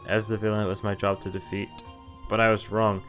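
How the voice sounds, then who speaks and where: A lowish, fairly bright male voice reads visual novel lines and narration at a brisk pace and level tone, backed by the game's music. The reading is conversational, and he occasionally stumbles before correcting himself.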